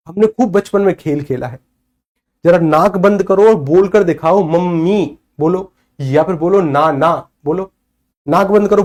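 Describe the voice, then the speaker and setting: A man's voice: high-pitched, a little mellow. A man in his thirties teaching a lecture, asking questions and repeating the answers to drill them in. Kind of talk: classroom lecture.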